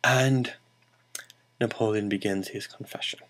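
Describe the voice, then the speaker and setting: A man's voice: fairly low pitch, steady tone, a little slow, a bit bright. A man hosting a show and telling an improvised comic story, rambling, correcting himself and making playful asides.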